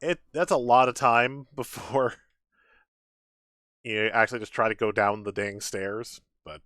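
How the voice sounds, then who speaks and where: With video game music in the background, this male streamer talks through his game in a casual, chatty way, dropping wry asides and now and then reading on-screen text out loud. His medium-pitched voice is fairly even, a little slow and fairly bright, captured as clean studio sound with no room sound.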